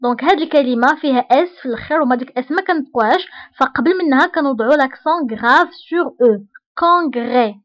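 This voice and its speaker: A woman's voice: high voice, quick pace, muffled recording. A woman with a Moroccan accent teaching a lesson, patiently repeating each example word and checking that learners follow. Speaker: French teacher. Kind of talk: online lesson explanation.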